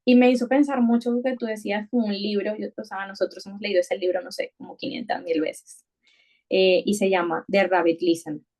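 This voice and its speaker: Brief: woman host, mid-pitched, musing and self-correcting. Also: steady tone, brisk, a little mellow. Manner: thoughtful, many restarts and repetitions. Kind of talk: reflective conversational podcast talk.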